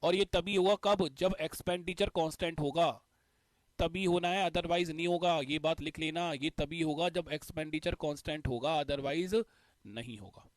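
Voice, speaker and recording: A man's voice: fairly high pitch, normal speed, no echo. A male teacher explaining a math concept step by step, repeating the key points. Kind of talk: exam-prep math lesson.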